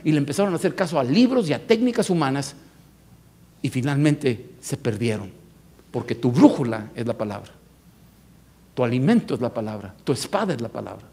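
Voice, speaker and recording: A man with a Mexican accent preaching a sermon as pastor, emphatic, rising to loud peaks and dropping to low tones. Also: sing-song, brisk, breathy edge. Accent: Mexican Spanish.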